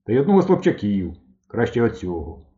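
Man voicing caustic elderly woman doctor, sharp and biting, low dark voice, muffled sound. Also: sing-song, fast talker. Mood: brisk. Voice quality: hoarse bass voice.

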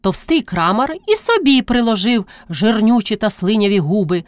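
A woman narrating an audiobook of classic prose with steady, expressive reading. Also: medium pitch, normal speed, no room sound, clean studio sound.

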